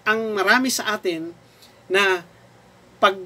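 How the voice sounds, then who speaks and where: High-voiced, slow Filipino pastor preaching. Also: male voice, pushed and bright. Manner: reads scripture aloud, then preaches with rising emphasis; addresses the congregation directly as sir, ma'am, ate, kuya. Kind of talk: sermon.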